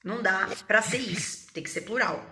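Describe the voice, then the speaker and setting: A Brazilian woman teaching English grammar in a lively, playful private-lesson style, mixing Portuguese explanations with English examples. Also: mid-range voice, moderate pace, roomy sound, a little hiss or hum.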